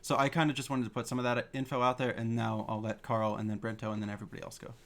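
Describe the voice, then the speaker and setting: Male host of an online discussion group, casual and rambling, average pitch, call-quality audio. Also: little pitch movement, rapid-fire, fairly bright tone. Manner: loose, rambling with fillers and restarts. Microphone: video call.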